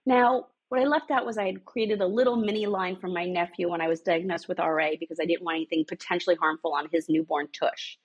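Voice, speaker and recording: A middle-aged woman, a beauty brand founder, telling her story in a lively, sassy way in an interview. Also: lowish voice, fast, hardly any pauses, breathy edge, highs cut off. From United States.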